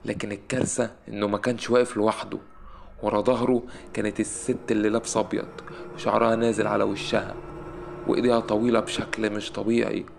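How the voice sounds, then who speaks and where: A man with an Egyptian Arabic accent narrating a scripted horror story in a suspenseful way, with dramatic pauses. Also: on the low side, creaky, slight background noise.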